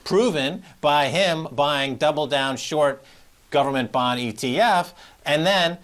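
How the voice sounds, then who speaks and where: A man's voice: on the high side, takes it slowly, fairly bright tone. A man hosting a show, giving heated, accusatory financial commentary with strong emphasis. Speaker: show host.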